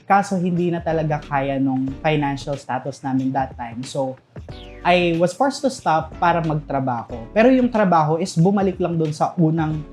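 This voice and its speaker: A man's voice: on the high side, moderate pace, a little mellow, faint music behind. Laughing Visayan man telling stories. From Southern Leyte, Philippines. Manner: candid, laughs often while telling stories. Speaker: guest, call center manager. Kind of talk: casual interview chat.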